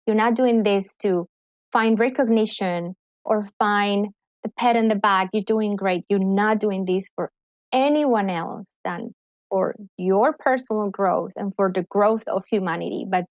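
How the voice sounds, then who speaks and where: A Colombian woman with a medium-pitched voice and a Colombian accent guests on a casual podcast, talking enthusiastically and in an animated way. She is a clinical psychologist and healer, and she speaks unhurriedly with no echo in the recording.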